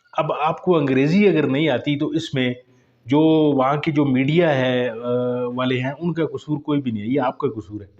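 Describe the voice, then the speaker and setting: A man's voice: on the high side, a little mellow. A man with a Pakistani accent hosting a political show, addressing viewers in rambling, repetitive unscripted commentary on a slightly lo-fi recording. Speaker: online political show host. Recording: slightly dull lo-fi sound.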